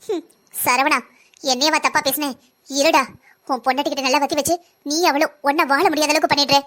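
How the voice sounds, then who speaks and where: A woman's voice: high voice, fairly even intonation, a little fast, fairly bright tone. A woman voicing a scheming, manipulative young woman in a cartoon, wheedling and threatening by turns. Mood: gloating. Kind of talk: cartoon voice acting.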